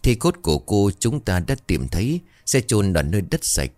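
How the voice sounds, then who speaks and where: A man's voice: on the low side, sing-song, moderate pace, a little mellow, no room sound. A man voicing a stern old female ritual master who commands and chants incantations. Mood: chanting.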